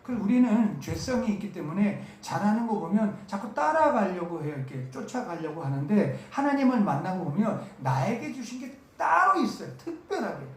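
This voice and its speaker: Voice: mid-range voice, very animated, moderate pace, hardly any pauses. A preacher delivering a camp sermon, stressing and repeating key words and putting questions to the audience. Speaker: preacher at a church summer camp. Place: large church hall. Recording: very echoey hall with faint noise.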